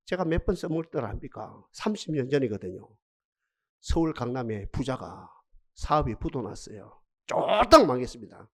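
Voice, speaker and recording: A male pastor delivering a dramatic sermon full of rhetorical questions, swinging from loud to hushed. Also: mid-range voice, very animated, moderate pace, gravelly. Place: church sanctuary.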